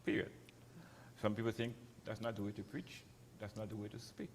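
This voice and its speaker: A man's voice: fairly low pitch, flat delivery, fairly quick, gravelly. A man with a Crucian Virgin Islands accent, a pastor speaking candidly in an informal, down-to-earth way. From St. Croix, Virgin Islands. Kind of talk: candid personal talk. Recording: reverberant hall with background noise.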